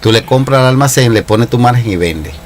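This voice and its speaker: A man from the Cibao region, co-hosting a casual panel talk and explaining points in a measured way. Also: medium pitch, a little hiss or hum. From Cibao, Dominican Republic. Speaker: co-host.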